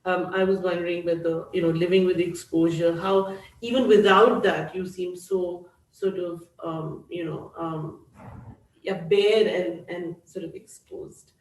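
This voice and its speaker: A woman's voice: on the low side, steady tone, unhurried. A woman hosting a seminar discussion, asking a rambling, effusive, hedging question. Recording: echoey room, distant mic.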